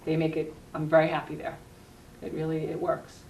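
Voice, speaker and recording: A middle-aged woman guest, a university health educator, earnestly discusses her work in a conversational interview taped for cable TV. Her low-pitched voice is creaky, darkish, a little fast and completely flat. Roomy echo, a distant mic and faint noise mark the recording.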